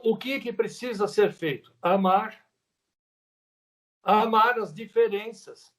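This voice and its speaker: A man with a Brazilian Portuguese accent giving a spiritual lecture at a spiritist center, talking conversationally and repeating words for emphasis. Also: high-pitched.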